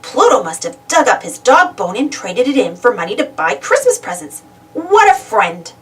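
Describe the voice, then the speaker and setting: A woman voicing an excitable, self-centred male cartoon duck from a storybook, exclaiming and wondering aloud eagerly. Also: high voice, moderate pace, recorded from a distance. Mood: surprised musing.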